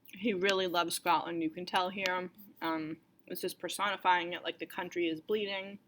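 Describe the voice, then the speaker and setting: A woman's voice: fairly low pitch, fairly even intonation, normal speed, noisy background. A woman teacher casually explaining a play in a chatty manner, with lots of "um" and "like".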